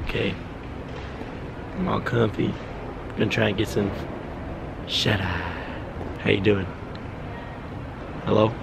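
Tired gravelly man vlogging at night. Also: lowish voice, fairly even intonation, slow, pauses often. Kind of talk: casual vlog narration. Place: airport at night, then home with pets. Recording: noisy handheld camera audio.

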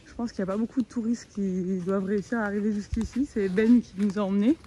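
A travel vlogger chats casually into a handheld phone held at arm's length, on beaches and in a moving car. She talks fast in a warm, steady, medium-pitched voice. The audio is noisy and muffled, with wind and car sound.

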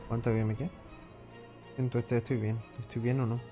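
A man's voice: medium pitch, level tone, a little fast, music in the background. A man giving casual commentary while playing a video game, chatting to himself as he plays. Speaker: gaming channel host.

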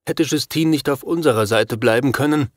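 Voicing a desperate, pleading middle-aged father afraid for his son, a man narrates an audiobook in a worried, anxious and agitated manner. His medium-pitched voice moves briskly and stays close to an everyday speaking voice. The studio-quality recording has no room sound.

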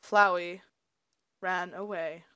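A woman hosting a casual gameplay video, murmuring quiet asides while reading on-screen credits. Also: on the low side, fairly even intonation, slow, a little hiss or hum, rough recording. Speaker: gaming video host. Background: video game music.

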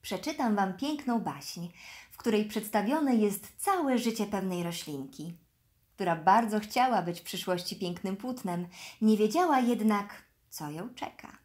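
A woman reading a fairy tale aloud to children in a soft, expressive way. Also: mid-range voice, measured pace. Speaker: storyteller for children.

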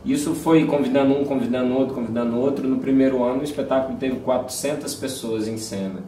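A man's voice: medium pitch, steady tone, fast talker, dark tone, slight background noise. A man talking in an interview about a theatre event, listing things. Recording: roomy, distant.

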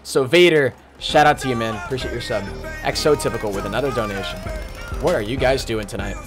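A man commentating his live game stream, chatting along and greeting viewers by name with sudden excited outbursts. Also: mid-range voice, fast talker, over music.

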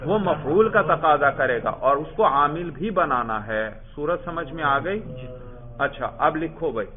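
A man's voice: on the high side, lively intonation. Tinny-sounding male grammar teacher quizzing students. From Pakistan. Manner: patient, drilling students with quick questions. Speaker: Arabic grammar teacher at a seminary. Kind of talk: classroom lecture with questions to students. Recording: tinny phone-like lo-fi recording.

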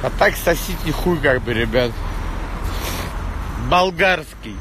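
Casting: man, thirties, higher-pitched, foul-mouthed street-thug delivery, casual phone livestream outdoors with street noise. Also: lively intonation, slow pace. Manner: rough street-thug talk, constant swearing. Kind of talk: casual livestream chat while walking. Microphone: phone at arm's length. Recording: noisy outdoor street, traffic.

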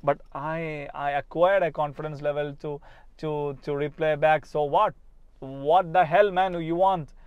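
Sitting in a parked car with a lapel mic, this Kerala-born spoken English coach in his thirties talks earnestly to the viewer in Malayali-accented English, frequently restarting phrases in a casual motivational style. His voice is on the high side, clear and resonant, with fairly even intonation and a measured pace. The audio is dull but has no echo.

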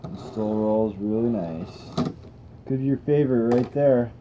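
A man's voice: mid-range voice, a little slow, muffled recording, noisy background. A young man hosting a toy car channel, chatting casually and thinking aloud as he tests cars on a table indoors. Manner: relaxed, rambling, thinks aloud while testing cars.

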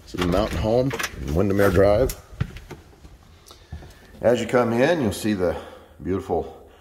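A man giving a relaxed, plainspoken walkthrough tour of an empty house, filmed on a handheld phone. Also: lowish voice, noisy background. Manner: relaxed, plainspoken, with frequent pauses and fillers. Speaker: real estate agent. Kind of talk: casual walkthrough tour narration. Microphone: handheld phone camera. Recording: echoey empty rooms.

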